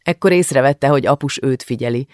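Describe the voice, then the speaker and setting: A man narrating an audiobook in a calm, even storytelling manner. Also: medium pitch, dry recording, clean studio sound. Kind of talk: scripted narration.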